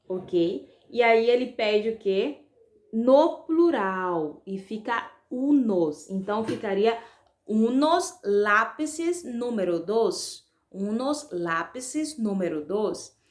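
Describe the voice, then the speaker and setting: Slow, syllable-stressing woman teacher in an echoey room. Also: on the high side. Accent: Brazilian Portuguese. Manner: slow, drawn-out, spelling out syllables; checks in with frequent "ok?" and "né?". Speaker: Spanish teacher. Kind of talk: online class lesson.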